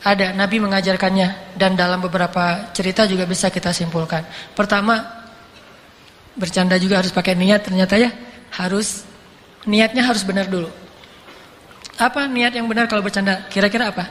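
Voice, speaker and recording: A man gives a lively, joking sermon and acts out the voices in his stories. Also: high-pitched, a little fast, pauses often. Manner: animated, jokey, acts out voices. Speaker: preacher. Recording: reverberant hall with faint noise.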